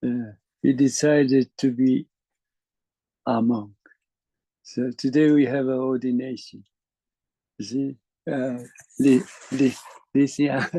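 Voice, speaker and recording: A man with a Japanese accent giving a dharma talk as a Zen teacher, halting and full of fillers and chuckles. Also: medium pitch, dark tone, rough recording.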